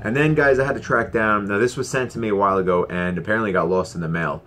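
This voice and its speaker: A man's voice: fairly low pitch, fairly even intonation, fast, a bit bright, a little hiss or hum. A man casually vlogging about his Blu-ray collection, enthusiastic and rambling with fillers and restarts. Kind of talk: casual collection haul vlog.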